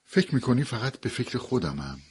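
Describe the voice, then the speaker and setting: A man voicing a reserved, gruff aging father-in-law in an audio story, speaking in a terse, weary, measured way. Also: medium pitch, sing-song, a little mellow, slight background noise, natural voice. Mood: curt. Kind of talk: dramatic audiobook dialogue.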